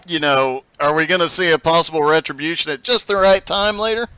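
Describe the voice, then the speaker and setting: A man's voice: fairly high pitch, brisk, bright, forceful tone, slight background noise. A man calling a live sim racing event play-by-play, upbeat and laughing often as he goes. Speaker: race commentator.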